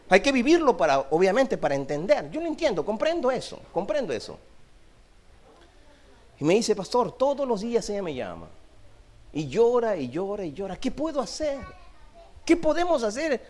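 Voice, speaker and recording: A man preaching a sermon as pastor, swinging between loud emphasis and hushed low phrases. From Peru. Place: church.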